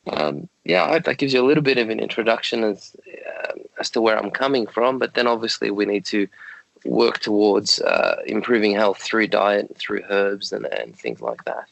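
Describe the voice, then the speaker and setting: Male guest, croaky and low, measured explainer. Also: animated, fairly bright tone, dry recording, poor audio. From Australia. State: croaky voice, late at night. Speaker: guest, dog health advocate. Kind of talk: podcast interview answers.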